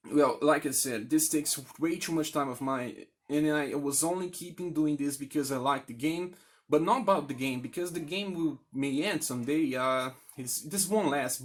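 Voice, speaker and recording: A Brazilian man, a native speaker of Brazilian Portuguese with a Brazilian accent, makes a candid, unscripted appeal to his channel's viewers as a gaming video creator. He speaks haltingly, and his pitch is fairly high.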